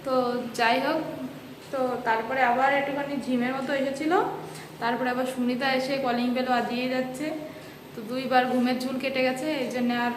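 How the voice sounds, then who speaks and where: Young mum talking low and tired in a home vlog, voice sits kinda high, noisy background. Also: female voice, level tone, fairly quick, roomy sound, in a large hall. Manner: quiet, tired, matter-of-fact telling. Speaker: vlogger, mother. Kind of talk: casual home vlog narration. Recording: background noise.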